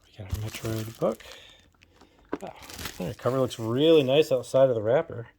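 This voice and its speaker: A man's voice: medium pitch, normal speed, vocal fry, mellow, a little hiss or hum. A man in his thirties chatting casually to camera while unboxing collectibles, full of fillers and self-deprecating jokes, filming on a handheld phone at home. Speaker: collector vlogger. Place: home game room. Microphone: phone camera held in one hand.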